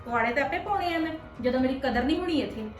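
A woman playing a sharp-tongued married sister visiting her brother's home, complaining and scolding, in a scripted family drama. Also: sits high, lively intonation, racing, recorded from a distance, soft background music. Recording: echoey room from off-mic.

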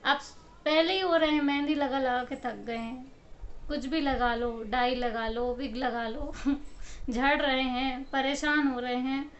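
Speaking a little slowly in a high-pitched voice, this motivational speaker addresses the camera casually, animating everyday anecdotes with acted-out quotes and frequent laughter. The camera-mic audio sounds dull.

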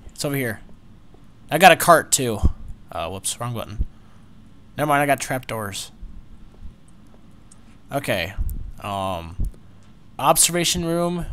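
A man hosting a gaming video, chatting casually and reacting excitedly as he plays. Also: mid-range voice, slow pace, pauses often, slight background noise. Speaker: channel host, game player.

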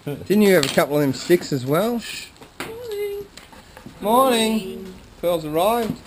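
A man's voice: sits high, animated, normal speed, noisy background. A man filming friends at a camp breakfast, teasing and chuckling in casual banter on a camera mic. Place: outdoor camp breakfast with a group. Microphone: handheld camera mic. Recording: loud crowd chatter behind.

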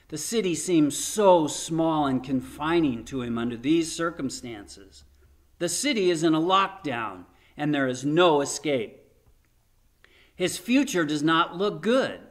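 A man's voice: a little high, a bit bright. An older man giving a sermon from home into a webcam, retelling a scripture story with earnest emphasis. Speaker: pastor. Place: home room in front of a framed painting.

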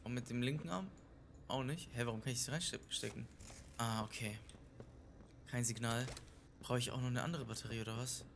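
A man commenting on a horror game as he plays it. He gets excitable, repeats himself a lot, and swings between shouting and quiet muttering. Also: mid-range voice, moderate pace, creaky, pauses often, background noise. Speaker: let's player. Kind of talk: live gaming commentary.

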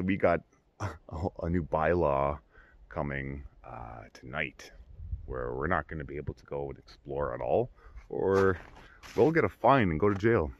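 A middle-aged exploration vlogger walks through snowy, burned-out house ruins outdoors with a handheld camera, giving casual, halting, off-the-cuff commentary. His voice is deep, the highs are cut off, and the outdoor recording is clearly noisy with clicks.

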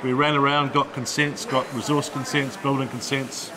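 A man's voice: medium pitch, little pitch movement, moderate pace, a crowd in the background. An older man, founder of a brewery, telling its story earnestly in a documentary interview in a busy brew bar.

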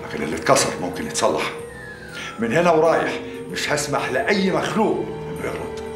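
A man's voice: medium pitch, huge pitch swings, quick pace. An actor playing a stern, controlling wealthy father lecturing his son in Egyptian Arabic. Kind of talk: TV drama acting. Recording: roomy set with music score.

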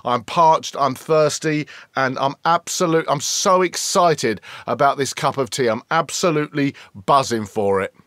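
Man putting on a halting English parody football news presenter. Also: medium pitch, a bit bright, dry recording, clean studio sound, close to an everyday voice. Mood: earnest, buzzing. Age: middle-aged. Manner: repetitive, halting, starts upbeat and tails off. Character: earnest, excitable male football news pundit, endlessly buzzing. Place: small room at home, indoors.

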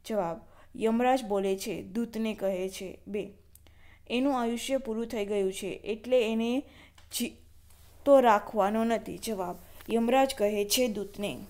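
A woman's voice: fairly high pitch, measured pace. Woman reading workbook answers. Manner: steady question-and-answer reading, numbering each item. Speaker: teacher.

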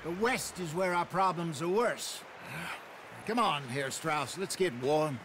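A somewhat high male voice comes through clear background noise, from an actor. He is an older outlaw in a western game. He sounds cautious and careworn, speaking in measured, doubtful phrases. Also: close to an everyday voice. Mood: resigned. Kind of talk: video game acting.

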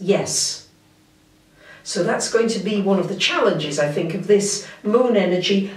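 A woman astrologer giving a monthly forecast in a gentle, unhurried, reflective way. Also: medium pitch. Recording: roomy, mic at a distance.

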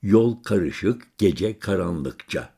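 A man narrating a literary story in the first person, calm and measured, lingering over lists. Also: deep voice, gravelly, slightly rough. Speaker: audiobook narrator.

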